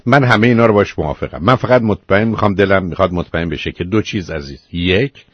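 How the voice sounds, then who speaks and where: A man's voice: low voice, slightly rough, no room sound, highs cut off. A man hosting a call-in advice show, lecturing a caller patiently but firmly and calling her dear. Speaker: radio advice host.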